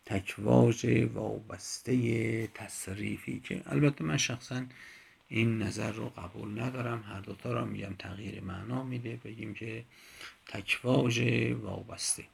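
A man's voice: lowish voice, fairly even intonation, gravelly, husky. A man teaching a grammar lecture, explaining step by step with examples.

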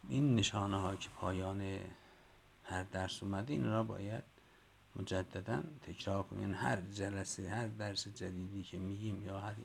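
Gravelly low-voiced male teacher trainer. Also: slight background noise. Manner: patient, spells sounds and repeats lists slowly. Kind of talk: instructional talk to teachers.

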